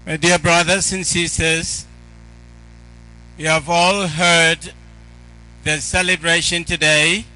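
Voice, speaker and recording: A male preacher gives a homily in a very sharp, bright, forceful voice. He is slightly high in pitch and speaks slowly, phrase by phrase. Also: flat delivery, rough recording. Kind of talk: sermon.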